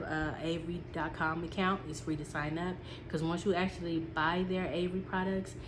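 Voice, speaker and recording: Speaking low and relaxed, a small business vlogger works through her notes with a blocked, sniffly nose. She's chatty, often saying "um" and going back over points, while a constant hiss runs beneath the audio.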